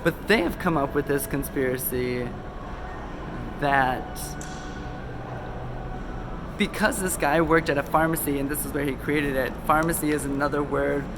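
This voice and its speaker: A man with a slightly high voice rambles to his phone camera while hosting a conspiracy video, keeping a measured pace broken by long pauses, with noise in the background. He's a little under the weather and losing his voice, speaking loosely and chattily with many ums and self-corrections.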